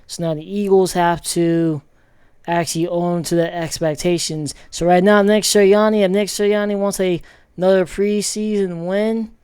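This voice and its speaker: A man casually rambling through football commentary with many pauses and restarts. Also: high voice, darkish tone, clear, resonant tone, dry recording, clean studio sound. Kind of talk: casual sports commentary vlog.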